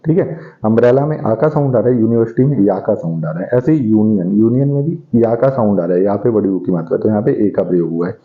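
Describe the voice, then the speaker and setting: A man teaching an English grammar lesson, explaining step by step and asking questions that he answers himself. He reads the English example sentences slowly. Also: on the low side. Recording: dull lo-fi recording.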